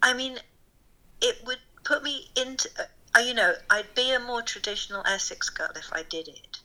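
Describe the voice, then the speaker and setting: A woman's voice: on the high side, lively intonation, normal speed, sharp tone, low-quality recording. A woman chatting casually with a wry, self-deprecating way of exaggerating. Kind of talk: casual chat.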